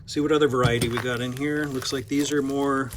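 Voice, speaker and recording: A man's voice: mid-range voice, fairly even intonation, fairly quick, background noise. A man from North Dakota who runs a coin shop, chatting casually and thinking aloud as he unboxes silver bars, with self-deprecating asides.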